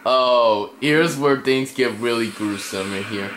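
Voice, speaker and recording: A young man giving let's play commentary on a video game, excitable and yelling at the game when frustrated. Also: medium pitch, slow, slight background noise. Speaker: gameplay commentator. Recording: echoey room with game music behind. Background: game music.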